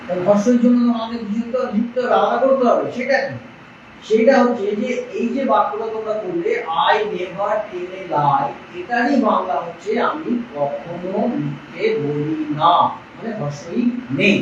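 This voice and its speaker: High-voiced teacher, echoey and distant. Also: male voice. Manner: quizzes students with repeated questions, slow dictation. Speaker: English teacher. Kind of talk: classroom lecture in Bengali. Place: classroom. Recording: echoey dull classroom recording from far off, noisy.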